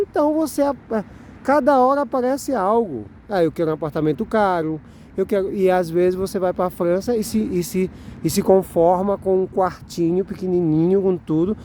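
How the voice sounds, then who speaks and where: Man, Brazilian Portuguese accent, middle-aged, casual vlog, chatty and rambling, warm dark tone. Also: on the high side. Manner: rambling, chatty, addresses viewers directly. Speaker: vlogger.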